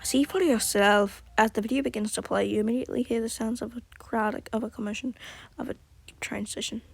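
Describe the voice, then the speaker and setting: A woman reads a story game's narration aloud and breaks in with blunt, salty remarks. Her voice is fairly high with a gravelly rasp. She keeps a loose playthrough tone. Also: fairly even intonation, quick pace. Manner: blunt, swearing asides. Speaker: gameplay streamer reading a visual novel.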